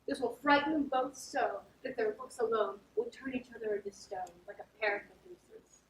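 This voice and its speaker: An actress playing a scheming, boisterous noble lady in a live stage play, brisk, commanding and mocking. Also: on the high side, big pitch swings, a little hiss or hum. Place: theatre stage. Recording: echoey stage from far off, faint ambience.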